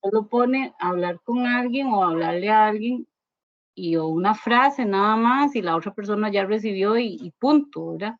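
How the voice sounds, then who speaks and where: A woman's voice: medium pitch, moderate pace, no room sound, dull audio. Woman telling a rambling personal story. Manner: rambling storytelling with constant tag questions. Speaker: student sharing testimony in a church ministry class. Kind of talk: personal testimony, conversational.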